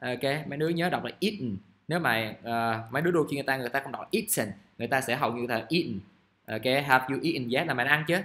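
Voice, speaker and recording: A man, teaching English grammar in a casual, chatty way and reading example sentences out slowly. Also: medium pitch, fairly bright tone. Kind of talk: casual classroom explanation. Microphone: recording device at his desk.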